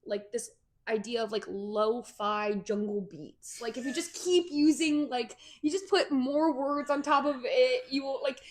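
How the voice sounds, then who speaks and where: A woman's voice: high voice, steady tone, a little slow. A woman co-hosting in casual chat, playful and teasing, with a touch of mock indignation. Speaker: podcast co-host.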